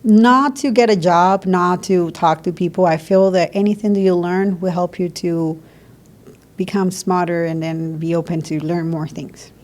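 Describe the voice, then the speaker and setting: A woman's voice: fairly low pitch, steady tone, moderate pace, a little mellow. A woman from Cuba with a Cuban Spanish accent, Spanish being her first language, talking as a podcast guest in frank, opinionated casual chat with easy laughs.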